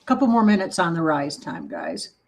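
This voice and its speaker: A woman's voice: lowish voice, animated, moderate pace. Casual woman host on a home baking stream, friendly chat with viewers, encouraging and playful. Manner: chatty, reads and answers viewer comments.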